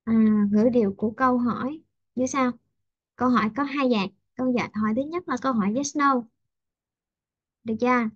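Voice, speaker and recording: A woman teaching English intonation to a class over a video call, patiently repeating example sentences slowly. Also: a little high, husky, dry recording, muffled recording.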